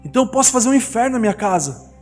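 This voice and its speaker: High-voiced Brazilian pastor in echoing hall. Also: male voice, very animated, rapid-fire. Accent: Brazilian Portuguese. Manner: storytelling, acts out family voices. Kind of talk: sermon. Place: church hall. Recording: long reverb of a church hall with music.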